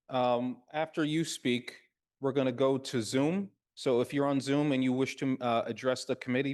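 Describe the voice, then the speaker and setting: A man chairing a city council committee meeting, making brisk procedural announcements. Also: medium pitch, a little mellow.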